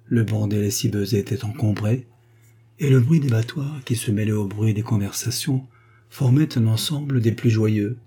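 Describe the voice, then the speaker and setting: A man narrates a classic novel as an audiobook, reading in a measured, even storytelling style. His voice is mid-range with a slight roughness.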